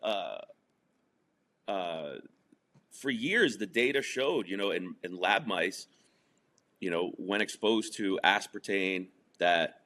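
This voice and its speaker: His voice sits low with a slightly bright edge. Born to Spanish as his first language and now from New Jersey, this podcast guest narrates his life in a loose, chatty interview, dropping fillers and cracking himself up with his own jokes.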